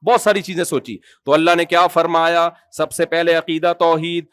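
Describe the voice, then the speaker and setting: Pakistani male preacher, lively joking sermon, high voice, dry mic. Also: clean tone, no echo. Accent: Pakistani Urdu. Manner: humorous, animated storytelling with acted quotes; asks the audience questions.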